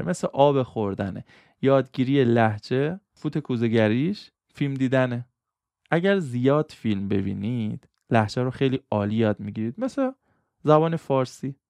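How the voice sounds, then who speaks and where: A man with a gravelly, creaky voice explains and recommends learning materials in a persuasive, upbeat teaching manner. The sound is dry and close, with no room around it. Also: mid-range voice, a little mellow, no room sound. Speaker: English teacher. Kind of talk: casual explanatory lesson.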